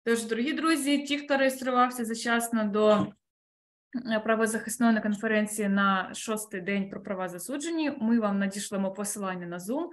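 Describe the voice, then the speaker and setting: A woman's voice: mid-range voice, a little fast. A woman moderating and closing an online conference in a formal, earnest way, with hesitant fillers, over a video call. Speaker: moderator and event coordinator.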